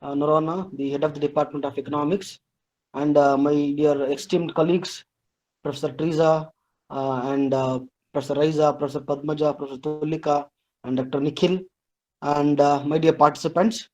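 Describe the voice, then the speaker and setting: Professor guy doing the thank-yous on a video call, bit high voice, halting and polite. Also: little pitch movement, darkish tone, poor audio. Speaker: professor giving the vote of thanks. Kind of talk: formal webinar speech.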